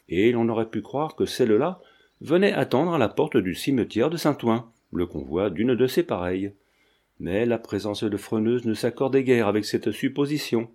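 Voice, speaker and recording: Male audiobook narrator, expressive and measured, warm low tone. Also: husky. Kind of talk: scripted narration of a novel.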